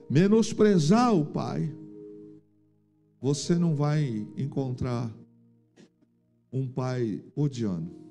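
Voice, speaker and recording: A middle-aged Brazilian man preaching a sermon in church with emphatic, animated delivery. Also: a little high, gravelly. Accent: Brazilian Portuguese. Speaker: pastor.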